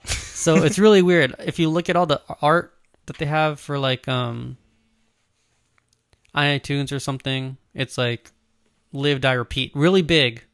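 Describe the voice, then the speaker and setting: Man, relaxed podcast co-host. Rambling, filler-heavy delivery, dry close sound. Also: on the high side, a little slow, dry recording. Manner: loose, rambling, lots of "like" and "um". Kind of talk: casual movie news chat.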